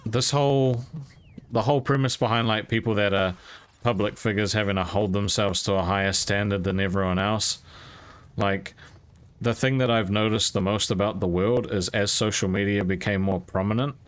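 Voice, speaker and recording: Gaming as he talks, a young YouTube creator spins a meandering story from his own life in a lowish, steady voice at a moderate pace. He stays candid and relaxed, swearing casually here and there.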